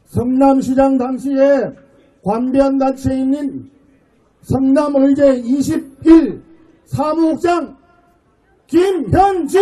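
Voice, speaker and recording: A middle-aged man delivers a fiery rally speech outdoors, his voice pushed very high from shouting yet dark and mellow in tone. He speaks slowly, breaking his words into emphatic pieces. He fires rhetorical questions at the crowd. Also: poor audio. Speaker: party floor leader giving a rally speech.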